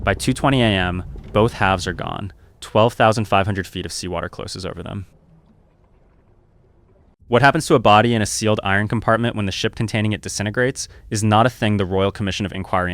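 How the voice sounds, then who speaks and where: A man narrating a scripted story in second person, in a measured, grave and deliberate way. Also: on the low side, fairly bright tone.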